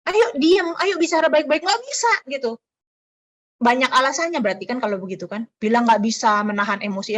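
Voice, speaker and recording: Woman pastor, high voice, chatty lively sermon delivery, dull lo-fi recording. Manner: lively, conversational preaching with everyday examples; acts out sounds in her stories. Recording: muffled lo-fi recording.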